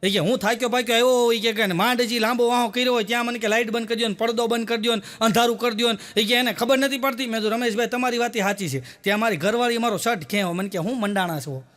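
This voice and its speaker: A man's voice: very high-pitched, very fast, hardly any pauses, fairly bright tone. A man telling stand-up jokes, acting out quoted dialogue and repeating little filler words as he goes. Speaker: stand-up comedian. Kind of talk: Gujarati joke telling.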